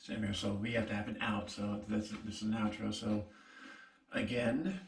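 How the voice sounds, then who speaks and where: A man's voice: lowish voice, level tone, normal speed, gravelly. A man hosting a casual food vlog, bantering and doing a laid-back outro. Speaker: vlog host. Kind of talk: casual chat. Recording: echoey room, distant mic.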